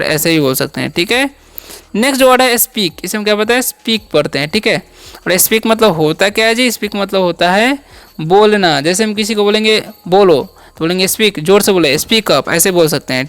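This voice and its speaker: A man's voice: high-pitched, a bit bright, smooth, no room sound. A man teaching English vocabulary in a spoken lesson, asking a question and answering it himself again and again. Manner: repetitive call-and-response teaching, asks and answers his own questions.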